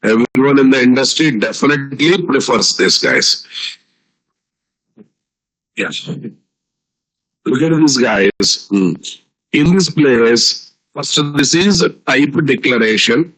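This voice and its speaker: Slow-paced Telugu-accented man teaching. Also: mid-range voice, animated, a bit bright, low-quality recording. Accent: Indian, Telugu. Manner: repetitive, with frequent checking questions to students. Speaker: programming teacher. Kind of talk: live online coding lecture.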